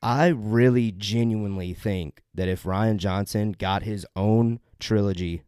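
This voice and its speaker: A man with a lowish voice hosts a casual podcast. He talks upbeat and loose, stumbling through plugs and correcting himself as he goes. The sound is close and dry with no room around it. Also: a little mellow, no echo. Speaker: podcast host.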